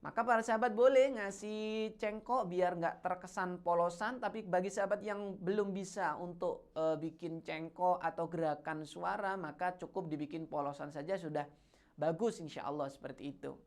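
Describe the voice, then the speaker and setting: A woman teaching Quran recitation melody, giving patient explanations between slow, drawn-out chanted demonstrations and encouraging her listeners. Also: lowish voice, fairly even intonation, in a large hall. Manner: encouraging, addresses listeners as friends. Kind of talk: teaching tartil recitation melody, call and response.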